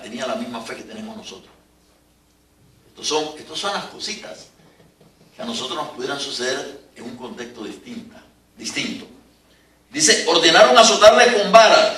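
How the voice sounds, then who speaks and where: Older preacher, bright tone, echoey church. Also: male voice, fairly high pitch, recorded from a distance. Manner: animated, rising to emphatic peaks, chuckling asides. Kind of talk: sermon.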